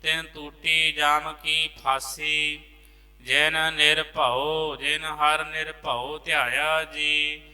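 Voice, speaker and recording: A man teaching scripture recitation, singing the verses slowly and then quickly explaining how to pronounce them in a lower voice. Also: flat delivery, pushed and bright, clean tone, soft background music. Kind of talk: chanted scripture recitation lesson. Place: large temple hall. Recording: long reverb of a large hall.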